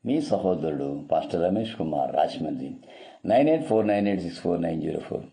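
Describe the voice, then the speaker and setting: A man's voice: low-pitched, expressive, fast talker, vocal fry, a little hiss or hum. A man preaching a devotional morning sermon as a pastor, earnest and pleading, repeating his phrases. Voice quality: dark, mellow voice.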